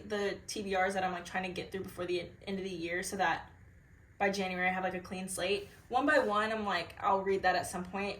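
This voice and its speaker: A woman's voice: mid-range voice, fairly bright tone, reverberant, a little hiss or hum. A young woman, chatting bubbly and casually about books in a reaction vlog. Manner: bubbly, chatty, filler-heavy. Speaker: book vlogger.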